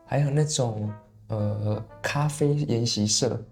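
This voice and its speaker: A young man from Taiwan with a Taiwanese Mandarin accent, co-hosting a podcast in relaxed, easygoing chat and often affirming with short agreements. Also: medium pitch, slow, gravelly, faint music behind. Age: young adult. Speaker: podcast co-host. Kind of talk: casual chat.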